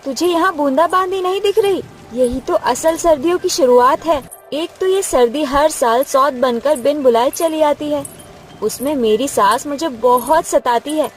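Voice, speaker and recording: A woman plays an overworked young cartoon wife who mutters about the cold water and the endless dishes. Her high voice carries a sarcastic bite when she calls out the laziness around her. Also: moderate pace, soft background music. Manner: grumbling, sarcastic. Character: hardworking young wife, put-upon and sharp-tongued. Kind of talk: cartoon voice acting.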